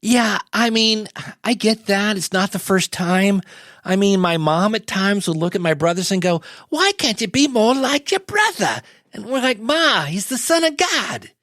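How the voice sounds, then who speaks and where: A man's voice: high voice, lively intonation, unhurried, a bit bright, no echo, pitched above the performer's own voice. Casting: man to play an easygoing, mildly sardonic Jesus for a comedy podcast sketch, English accent, dry close sound. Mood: wry, resigned. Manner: casual, chatty, mildly sardonic. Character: laid-back, gently exasperated Jesus as podcast guest. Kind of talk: comedy mock interview.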